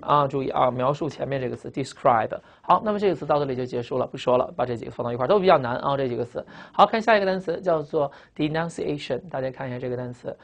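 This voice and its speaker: Fast, gravelly vocabulary teacher. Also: medium pitch. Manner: repetitive, emphatic, peppers speech with "啊". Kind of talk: classroom vocabulary lecture.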